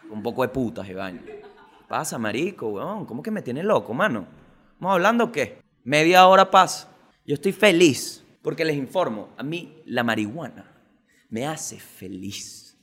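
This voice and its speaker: A young Venezuelan man hosting a podcast, telling stories in a slangy comic monologue that swings between loud bursts and low mutters. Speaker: podcast host, stand-up comedian.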